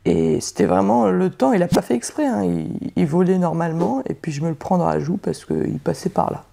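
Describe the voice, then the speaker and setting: A man telling a personal anecdote in a flat, matter-of-fact way, with many fillers. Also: high voice, fairly quick, gravelly. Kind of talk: casual storytelling.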